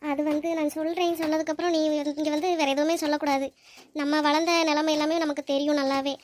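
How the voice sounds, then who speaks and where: A woman's voice: sits high, little pitch movement, fast, darkish tone, a little hiss or hum, close to an everyday voice. A woman voicing a young woman who took in a crying baby, fretful and pleading as she talks to herself. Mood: earnest. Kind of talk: cartoon voice acting.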